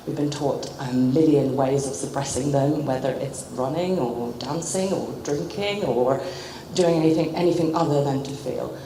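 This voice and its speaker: A woman's voice: a bass voice, moderate pace, few pauses, mellow. Czech-born woman w a london accent, thoughtful hesitant comment at a discussion, echoey room, bit of noise. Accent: London British. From Czech Republic. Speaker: psychotherapist and audience contributor. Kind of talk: spontaneous comment at a group discussion.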